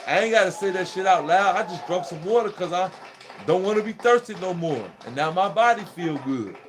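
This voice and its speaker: A man's voice: sits high, animated, brisk. A man talking straight to his viewers in a casual, profane, rambling monologue, laughing as he goes. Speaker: vlogger. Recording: noisy recording with crowd chatter behind.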